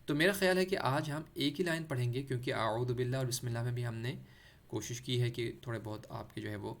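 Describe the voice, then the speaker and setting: A man teaching Quran recitation, explaining letters patiently and drawing out sounds slowly for practice. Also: mid-range voice, creaky. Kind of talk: explanatory lesson with demonstrated pronunciation.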